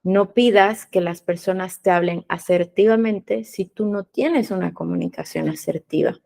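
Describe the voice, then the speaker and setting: Speaking at normal speed in a fairly low, slightly mellow voice with vocal fry, a woman conducts a podcast interview. Her manner is instructive: she raises rhetorical questions and supplies the answers herself.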